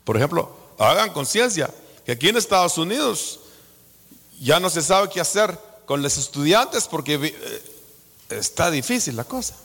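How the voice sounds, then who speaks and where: A man from Guatemala with a Guatemalan Spanish accent, preaching a sermon. He drops to hushed whispers, then rises to fervent shouts. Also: on the high side, very animated, normal speed, vocal fry, breathy edge, in a large hall.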